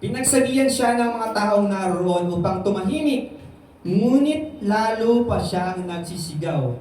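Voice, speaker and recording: A man preaching, reading a verse and then retelling it in casual Taglish, and raising his pitch to act out the voices in the story. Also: lively intonation, measured pace, a little mellow, a little hiss or hum. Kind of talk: sermon reading and explaining scripture. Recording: very echoey room, voice from some distance.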